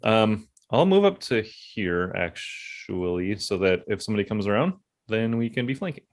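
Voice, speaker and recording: A man's voice: on the low side, very animated, normal speed. A man chatting casually as a player at a tabletop game, explaining his moves.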